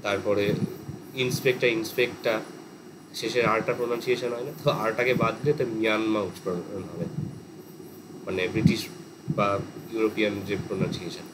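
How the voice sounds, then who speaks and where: Bengali teacher lecturing over AC hum. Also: male voice, on the low side, steady tone, a little fast, long pauses. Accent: West Bengal Bengali. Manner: explanatory, digressive, mixes in English terms. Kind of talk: online class lecture. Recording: air conditioner hum behind.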